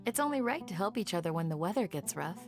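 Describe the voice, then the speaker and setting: Give me a composed, formal village protector with soft game music in the background. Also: female voice, on the low side, sing-song, quick pace. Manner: formal, gentle but firm. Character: calm, firm female village guardian, polite and protective. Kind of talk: video game dialogue.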